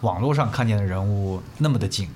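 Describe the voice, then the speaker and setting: A man's voice: fairly low pitch, lively intonation, quick pace, a little mellow, slight background noise. A man co-hosting a radio show, chatting casually and enthusiastically with a guest in a colloquial way. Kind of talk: casual interview chat.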